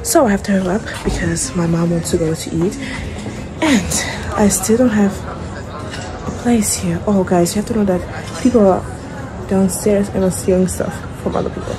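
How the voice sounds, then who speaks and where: A young woman vlogs casually to her phone, held at arm's length indoors in her bedroom at home. She sounds tired and groggy with a morning voice, swears lightly and pokes fun at herself; her voice is mid-range at a normal speed, against a noisy background.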